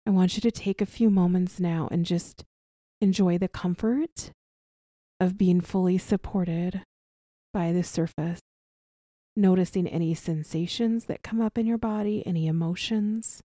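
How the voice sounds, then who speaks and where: A woman leading a guided body relaxation as an instructor, speaking softly and soothingly with long pauses between short phrases. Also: lowish voice, steady tone, dry recording, clean studio sound. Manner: soft, gentle, soothing delivery with long pauses. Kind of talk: guided somatic relaxation practice.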